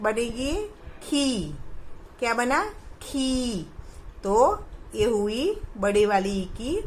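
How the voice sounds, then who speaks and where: A woman's voice: medium pitch, a little hiss or hum, poor audio. A woman teaching a recorded primary school lesson, patiently asking questions and answering them herself for the children.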